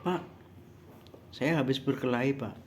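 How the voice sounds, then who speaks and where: A man voicing an upset little schoolboy who complains to his father, speaking more softly and plaintively. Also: mid-range voice, a little slow, background noise, lightly acted.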